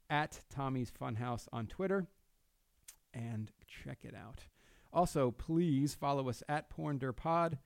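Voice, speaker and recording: This is casual podcast talk from a New Jersey man in a studio who jokes around, curses without restraint, reads plugs, and banters with his guests. His voice is mid-range and gravelly, and the recording is dry.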